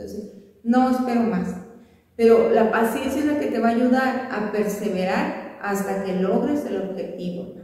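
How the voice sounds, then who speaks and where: A woman pastor teaching a sermon, reading scripture slowly and then explaining it earnestly, often repeating and restarting her words. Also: on the high side, warm tone. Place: church sanctuary. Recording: echoey church hall, voice from far off.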